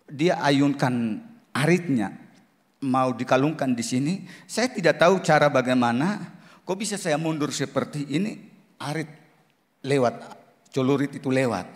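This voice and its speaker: Middle-aged pastor in a reverberant hall. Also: male voice, a little high, animated, unhurried, pauses often. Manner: storytelling, swings between hushed and loud. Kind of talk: sermon testimony. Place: church service hall.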